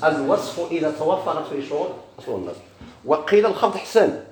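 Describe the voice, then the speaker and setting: Fast-talking Moroccan man teaching grammar. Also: fairly high pitch, big pitch swings, a little mellow. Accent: Moroccan Arabic. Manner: questions students, then answers himself. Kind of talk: classroom lesson explaining grammar. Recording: echoey room.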